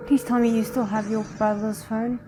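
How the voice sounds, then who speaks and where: Over music, a woman hosting a reaction video offers casual, wry live commentary on a drama series, firing rhetorical questions at the characters on screen. Her voice is fairly high with little pitch movement, at a moderate pace.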